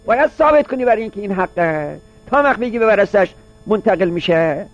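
A man with a strikingly high voice teaches a seminary class, reading out lines of a classical legal text and then unpacking them in relaxed everyday speech. He often repeats a point in several ways to drive it home. The recording is dull and lo-fi. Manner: reads Arabic text aloud, then explains it in colloquial speech.

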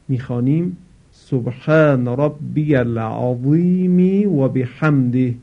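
A man giving an instructional talk on reciting prayers correctly, explaining patiently and slowing down to stress the example words. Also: mid-range voice, vocal fry. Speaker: religious teacher. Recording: slightly dull lo-fi recording.

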